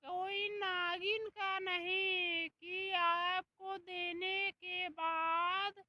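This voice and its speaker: A performer voicing a sulky, sharp-tongued young daughter-in-law with a Bhojpuri-tinged accent in a comic skit, whiny and complaining. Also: very high voice, little pitch movement, drawn-out words, exaggerated voice. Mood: sassy. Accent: Bhojpuri-tinged Hindi. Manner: complaining, wheedling, talks back.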